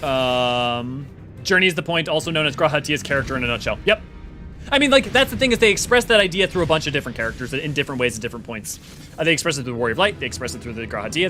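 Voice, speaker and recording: A man hosting a casual livestream, reading viewer comments aloud and rambling excitedly with quick restarts. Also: mid-range voice. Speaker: livestream host.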